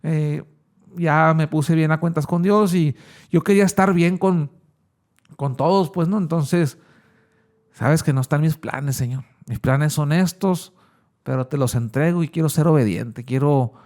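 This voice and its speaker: A man's voice: fairly high pitch, a little slow, a little mellow. A man, telling his personal testimony in a casual, slangy way as an interview guest.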